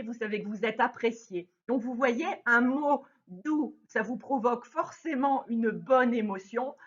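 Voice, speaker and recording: A woman teaching young children about kind words, gently and with lively exclamations and many hesitations. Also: on the high side, breathy edge. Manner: gentle, animated, frequent hesitation fillers. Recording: dull lo-fi sound.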